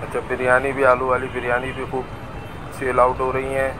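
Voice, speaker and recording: A Pakistani vlogger narrates a street tour while riding a bike through a busy outdoor market, his camera mounted on the moving bike. He speaks evenly and unhurriedly in a medium-pitched voice. The noisy recording is full of traffic and crowd sounds.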